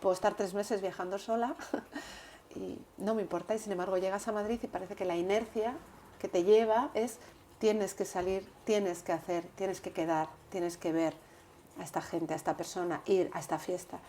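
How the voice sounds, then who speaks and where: A woman guest in an interview, talking earnestly and in a measured way, often repeating words while she thinks. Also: medium pitch, steady tone, dark tone, slight background noise. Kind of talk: reflective interview talk.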